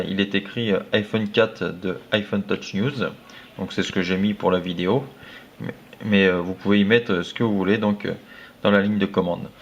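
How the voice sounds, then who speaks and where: A man, a tech blogger, walking viewers through phone themes in a casual, halting way full of fillers. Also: fairly low pitch, slight background noise. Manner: halting, filler-heavy, friendly. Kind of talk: casual screen-recorded walkthrough. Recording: dull lo-fi recording.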